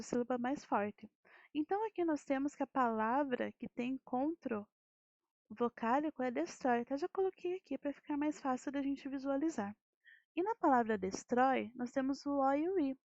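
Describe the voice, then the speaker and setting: A woman's voice: high voice, a little mellow, no room sound. A Brazilian Portuguese-speaking woman teacher explaining a grammar lesson, asking rhetorical questions and often checking with "né". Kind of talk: recorded classroom lesson. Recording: dull lo-fi dry audio.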